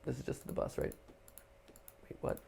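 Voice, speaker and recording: A man's voice: normal speed, a little mellow, slight background noise. A man hosting a video game stream, chatting, joking and thinking aloud as he plays. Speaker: host playing a video game. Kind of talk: casual let's-play commentary.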